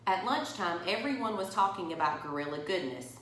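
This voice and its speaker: A woman with a slightly low voice reads a bedtime story. She is expressive and talks directly to her young listeners. The recording is roomy, with clear echo. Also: fairly quick, slight background noise. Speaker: story reader for a church. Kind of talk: children's bedtime story read aloud.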